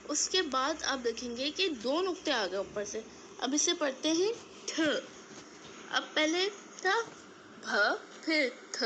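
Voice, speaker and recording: A woman's voice: high voice, sharp tone, slight background noise, rough recording. A woman teaching a lesson, patiently repeating each sound and asking the viewer questions. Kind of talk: explaining an alphabet lesson.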